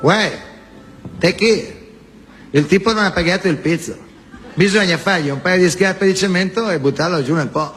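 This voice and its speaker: Man spoofing a brisk Milanese would-be mobster. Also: high voice, a bit bright. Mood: brisk threat. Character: brisk northern Milanese man attempting mafia boss threats. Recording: stage hall reverb, music behind.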